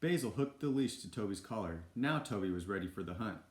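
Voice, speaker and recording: Male storybook reader, lowish voice, casual asides, echoey room. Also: expressive, fairly quick. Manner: casual, self-deprecating asides. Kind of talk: reading a children's book aloud with casual asides.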